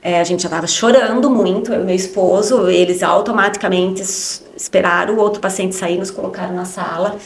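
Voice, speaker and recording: A woman's voice: mid-range voice, steady tone, brisk, hardly any pauses. A woman, a podcast guest giving an emotional personal testimony in short spoken phrases, often ending with a tag question. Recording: roomy echo.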